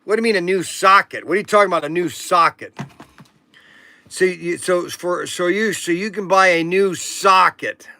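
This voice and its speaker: A man in his sixties chats loosely through a livestream, rambling and joking with his viewers. His voice sits high and bright for a man, and the sound is close and dry. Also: normal speed, gravelly, dry recording. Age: 60s. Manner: rambling, chatty, joking with viewers and reading out chat comments. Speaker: livestream auction host. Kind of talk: casual livestream chat.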